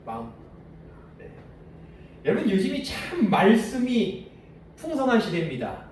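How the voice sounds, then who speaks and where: A man's voice: high voice, huge pitch swings, measured pace, background noise. A male pastor preaching a conversational sermon, asking the congregation questions and telling stories from home. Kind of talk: sermon with storytelling. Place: church sanctuary. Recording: echoey church hall, distant mic.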